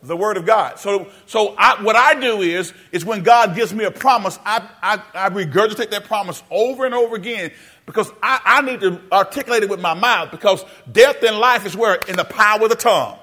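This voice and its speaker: A pastor delivers a sermon in a church with a high, brisk, bright, and forceful voice. He throws questions out to the congregation, call-and-response style, and keeps things folksy with "y'all" and "baby."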